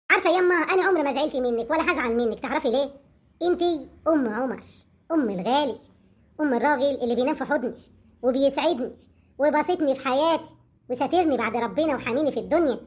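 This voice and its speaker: Woman doing a syrupy egyptian young bride, high voice, talks a mile a minute. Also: natural voice. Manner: gushing, overly sweet. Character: sugary young village daughter-in-law.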